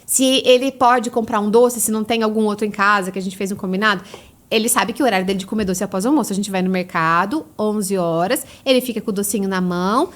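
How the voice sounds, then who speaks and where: A Brazilian woman in a casual podcast interview, talking about parenting in a lively way and acting out parent and child voices. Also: mid-range voice, fast. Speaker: guest, parenting educator.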